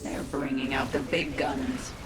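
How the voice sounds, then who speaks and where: A woman's voice: extremely low pitch, little pitch movement, measured pace, heavy background noise. A woman voicing a cold, commanding alien queen of a swarm in a video game, speaking in terse, imperious orders with an echoing effect. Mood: cold, resolute. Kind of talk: dramatic video game acting. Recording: echoey, distant, under loud music.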